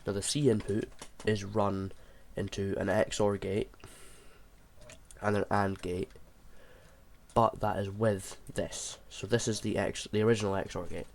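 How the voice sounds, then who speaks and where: A man with a lowish, mellow voice speaks at a measured pace with little variation in pitch. Sounding unwell, he thinks aloud while hesitantly walking through an informal tutorial on a game build for his video. Background noise comes through clearly, along with mouse and keyboard clicks.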